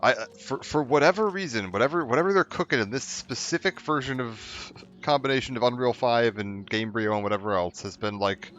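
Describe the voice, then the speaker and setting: A man's voice: medium pitch, brisk, hardly any pauses, a bit bright, lo-fi sound. A man streaming a game, chatting casually with many fillers and restarts. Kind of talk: casual let's-play commentary.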